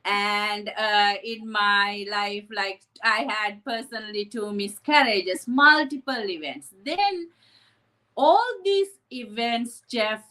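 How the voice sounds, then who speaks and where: Bright and forceful in tone, this woman's mid-range voice moves slowly. A psychotherapist from Sri Lanka, she's a guest telling her story in an interview, earnest and reflective, and she keeps adding "right?".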